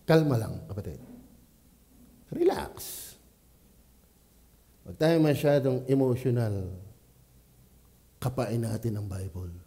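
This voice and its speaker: A man with a Batangas accent, a pastor preaching at a church prayer meeting, swinging from quiet asides to loud exclamations. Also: medium pitch, expressive, takes it slowly, vocal fry, pauses often. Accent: Filipino, Batangas.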